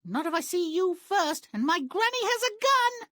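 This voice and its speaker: High, bright little girl, Red, voiced by a man. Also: sing-song, normal speed, dry recording, clean studio sound, full character voice. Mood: pert, unafraid. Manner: pert, matter-of-fact. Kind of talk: cartoonish game fairy-tale acting.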